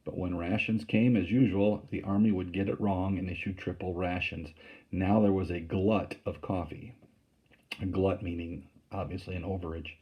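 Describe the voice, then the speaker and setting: A man reads a novel aloud to a class, stopping to explain things in a plain, casual tone. His voice is fairly low and husky. The recording is dull and lo-fi. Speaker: teacher.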